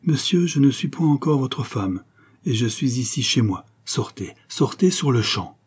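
A man's voice: on the low side, lively intonation, moderate pace, mellow, slightly rough. A man reading aloud, voicing a proud and indignant young noblewoman in a storybook. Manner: haughty, cold.

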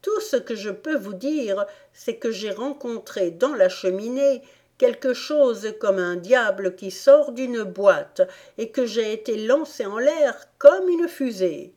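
A woman's voice: a little high, expressive, slow pace, dark tone, voice pushed up. A woman reading an audiobook and voicing a small, shaken lizard with a thin, reedy little voice. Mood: flustered.

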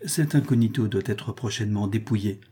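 A man's voice: on the low side, fairly quick, mellow, breathy edge. A man reading the part of a solemn, secretive young nobleman who speaks with restrained resolve. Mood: grave. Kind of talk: audiobook character voice.

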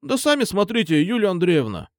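A man's voice: sits high, wildly swooping pitch, brisk, no room sound, clean studio sound, pitched above the performer's own voice. Brief: oafish school bully, crude and mocking, a man doing it, audiobook. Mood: whining. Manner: jeering, coarse, whiny when caught. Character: hulking crude teenage bully boy.

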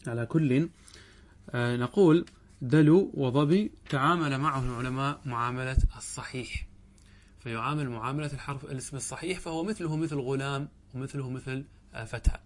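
A man's voice: mid-range voice, brisk. A man giving a classroom grammar lecture, repeating examples and quizzing his students. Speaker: teacher of Arabic grammar.

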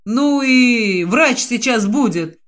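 A woman voicing an awkward, apologetic burly male security chief who speaks slowly and fumblingly. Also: fairly high pitch, lively intonation.

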